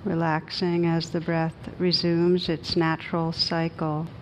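A woman meditation teacher leads a guided meditation in a gentle, soothing, unhurried monotone with long pauses. The recording is noisy, with a low rumble.

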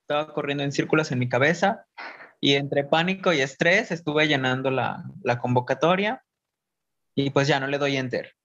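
A man's voice: mid-range voice, moderate pace, fairly bright tone, lo-fi sound. A man, acting out his own past thoughts. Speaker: interview guest, burlesque performer and dance teacher. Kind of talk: casual storytelling interview.

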